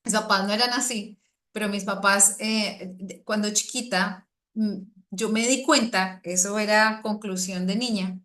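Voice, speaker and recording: A middle-aged woman, preaching a sermon to a women's group with lively, animated emphasis. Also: mid-range voice, a little slow. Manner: lively, rising to animated emphasis when acting out quotes.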